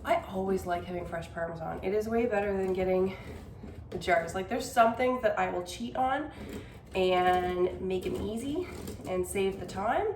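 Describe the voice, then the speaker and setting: A woman's voice: medium pitch, moderate pace, reverberant, recorded from a distance, noisy background. Chatty woman prepping food in a kitchen. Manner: chatty, self-deprecating, talks while working in the kitchen. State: a little out of breath. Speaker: cooking vlogger. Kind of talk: casual meal-prep vlog. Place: home kitchen.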